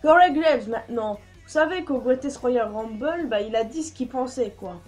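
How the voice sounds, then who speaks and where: A woman's voice: a little high, expressive, normal speed, darkish tone, faint music behind. A woman giving opinionated, blunt news commentary in a casual vlog, swearing now and then. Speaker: YouTuber.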